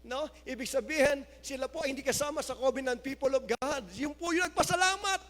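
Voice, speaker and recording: A male pastor preaching a sermon, mixing Tagalog and English and rising to loud exclamations of praise. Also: very high voice, brisk. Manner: mixes Tagalog and English, reads scripture aloud. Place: church hall. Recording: hall reverb.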